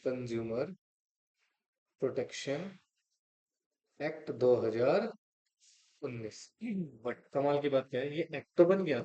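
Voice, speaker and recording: A man's voice: mid-range voice, slow, long pauses, mellow, dull audio. A male teacher giving a classroom lecture in Hindi, often asking students questions and repeating the answers himself. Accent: Indian English.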